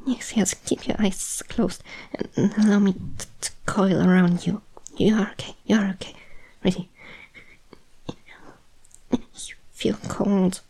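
A woman's voice: on the low side, level tone, takes it slowly, creaky, long pauses, mellow, full character voice, rough recording. A woman playing a proud but anxious snake-bodied monster woman in an audio role-play, speaking hesitantly and stammering to the listener. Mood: frightened, soothing.

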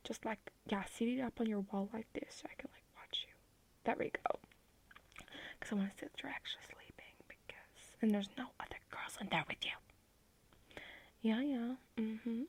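A woman's voice: on the high side, moderate pace, creaky, husky. A young woman whispering as an affectionate, clingy girlfriend in an ASMR roleplay on a video call at night.

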